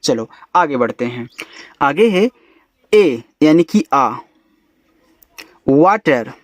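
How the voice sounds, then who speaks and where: A man gives a patient English reading lesson, spelling each word slowly, letter by letter. His voice sits a little high. The recording is dry and close, with no room sound. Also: animated, no room sound. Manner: slow, patient letter-by-letter spelling with Hindi explanations. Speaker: English teacher.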